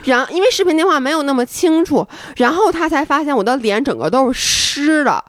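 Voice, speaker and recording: A woman with a high, slightly quick voice hosts a podcast, recounting a story in casual conversation. She's animated, acting out scenes with sudden shrieks and bursts of laughter. The recording has no echo.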